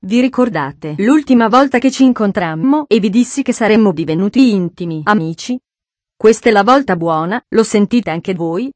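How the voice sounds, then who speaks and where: A loud, sinister Frenchman, as a woman reads him in a storybook. He drawls his words out slowly and theatrically, mocking everyone around him. The sound is dry and close. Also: medium pitch, lively intonation, no room sound, natural voice.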